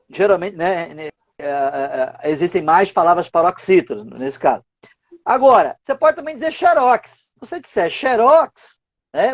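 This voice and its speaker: A man's voice: sits high, no room sound. Man, teacherly, rhetorical questions, dry sound, lo-fi audio. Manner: didactic, asks rhetorical questions. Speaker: guest writer and Portuguese teacher. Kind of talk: explanatory live-stream talk.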